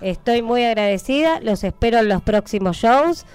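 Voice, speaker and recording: A woman's voice: fairly high pitch, animated, normal speed, a little mellow, clear, resonant tone, faint music behind. An Argentine woman on a radio interview, rambling through dates of upcoming shows with many hesitations. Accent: Argentine Spanish. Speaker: event producer and press agent.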